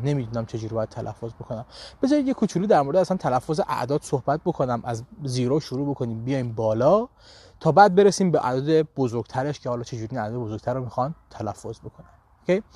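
A man's voice: medium pitch, a little mellow. A man teaching a live online language lesson, with a Persian accent in his English, talking animatedly and checking in with his students often.

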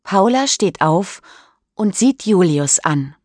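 A woman reading a children's story aloud in a clear, careful way, lifting her voice for the characters' lines. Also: medium pitch, lively intonation, takes it slowly, darkish tone, no room sound, clean studio sound. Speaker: audiobook reader. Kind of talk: scripted storybook narration.

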